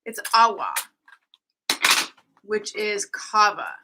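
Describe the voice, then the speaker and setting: A woman's voice: mid-range voice, big pitch swings, extremely slow, heavy background noise. A woman hosting a casual chat, playfully reading out trivia and fighting a cough. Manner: playful, reads trivia aloud. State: coughing, a bit under the weather. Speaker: podcast host.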